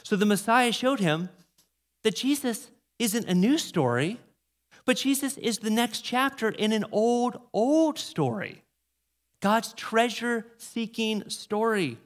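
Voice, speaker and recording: A middle-aged American man preaching a sermon from a church stage into a handheld mic, telling stories with animated emphasis on key words. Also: sits high, slow pace. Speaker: pastor.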